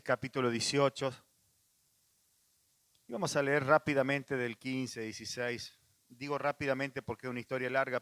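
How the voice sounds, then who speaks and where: A man's voice: mid-range voice, fairly bright tone, no echo. A male pastor with a Rioplatense Spanish accent, preaching a sermon in a conversational way, with frequent restarts and asides to the congregation.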